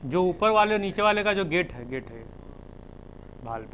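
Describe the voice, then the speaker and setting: Guy teaching a class, kinda high voice, spells words out letter by letter, bit of hiss behind. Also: expressive, moderate pace, pushed and bright, low-quality recording. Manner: spells terms letter by letter, explains with everyday examples. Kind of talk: classroom lecture.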